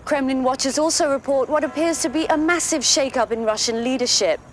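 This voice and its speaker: A woman reads formal news bulletins as a TV anchor in a game cutscene, her high voice fairly quick and close to her everyday speech. The scripted newscast is crisp and formal, set against a noisy background.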